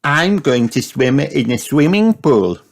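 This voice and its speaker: A man voicing an excitable, cheerful little girl pig in a children's storybook, gleeful and childlike. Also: very high voice, takes it slowly, noisy background, pitched above the performer's own voice, exaggerated voice. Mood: excited.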